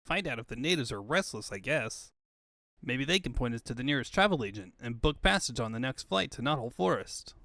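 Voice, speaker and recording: A man's voice: mid-range voice, lively intonation, a little fast, sharp tone, dry recording, studio quality. A man voicing a cocky young male hedgehog hero with quippy, breezy banter in a comic book fandub. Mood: alarmed, quipping.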